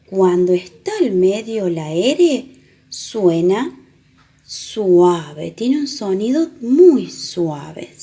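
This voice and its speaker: A woman teaching children the sounds of a letter, explaining patiently and repeating example words slowly. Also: medium pitch, big pitch swings, mellow. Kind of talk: children's reading lesson.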